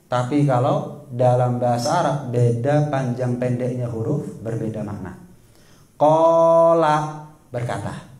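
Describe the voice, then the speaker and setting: A man giving a sermon, lively and teasing, often asking the audience questions. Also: mid-range voice, moderate pace, reverberant. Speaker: preacher.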